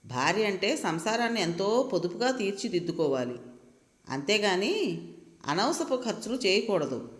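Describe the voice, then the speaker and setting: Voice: medium pitch, sing-song, moderate pace, natural voice. A storyteller voicing an angry, mocking husband who berates his wife, recorded in a roomy space with a long reverb. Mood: scolding. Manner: sneering, berating. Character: angry scolding husband, middle-aged man, mocking.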